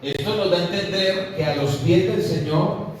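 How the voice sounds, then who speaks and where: Male Colombian pastor, fervent sermon delivery, fairly high voice, heard from a distance in a reverberant church hall. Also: normal speed, a little hiss or hum. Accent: Colombian Spanish. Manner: fervent preaching, repeated "hermano" address. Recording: echoey hall, voice from far off.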